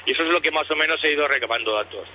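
A man from calling in to a radio show over the phone, talking in a halting way and piling up details with many restarts. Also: fairly high pitch, bright, forceful tone, slight background noise. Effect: heard over a phone line. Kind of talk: call-in conspiracy talk.

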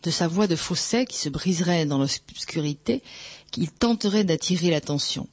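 Brief: audiobook reader, mid-pitched, unhurried first-person narration of a dark novel. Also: expressive, no echo.

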